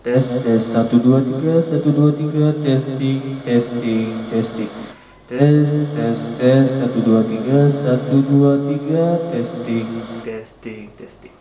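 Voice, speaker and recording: A man doing relaxed mic checks, his voice played through a loudspeaker with a heavy karaoke echo effect and picked up by a camera mic. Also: mid-range voice, slow, distant mic. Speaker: product reviewer. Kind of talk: casual product review. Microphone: camera mic, away from the speaker. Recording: roomy echo, faint noise, voice through speaker.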